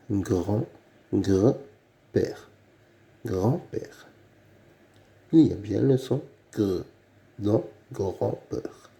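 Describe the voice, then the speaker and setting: A man slowly reading out words and syllables for children learning to read, repeating each word and asking the listener questions. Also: fairly low pitch, mellow. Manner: asks the listener questions, patient and clear. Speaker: reading teacher. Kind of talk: slow read-aloud phonics lesson for children.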